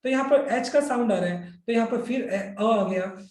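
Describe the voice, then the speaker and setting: A man's voice: very high voice, normal speed, a little mellow. Indian male teacher, echoey room. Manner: addresses students directly, checks understanding with frequent "right?". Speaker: English grammar teacher. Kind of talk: explanatory classroom lecture.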